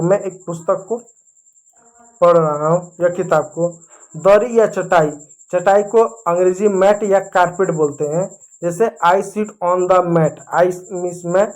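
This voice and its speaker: High-voiced man teaching vocabulary. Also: darkish tone, poor audio. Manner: explains word by word, slows right down for English example sentences; addresses viewers as children and friends. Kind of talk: spoken English vocabulary lesson.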